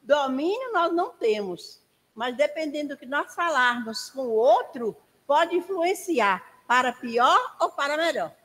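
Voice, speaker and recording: High-voiced woman in an echoing hall. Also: very animated, a little slow, fairly bright tone. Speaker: church class participant. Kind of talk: comment in a Bible class. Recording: reverberant church hall.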